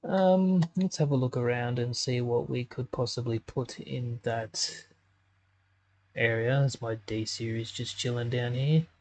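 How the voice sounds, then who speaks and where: A man's voice: medium pitch, unhurried, a little mellow. A man giving casual commentary while editing a game map, thinking aloud with lots of ums. He has the hiccups. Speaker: gaming YouTuber.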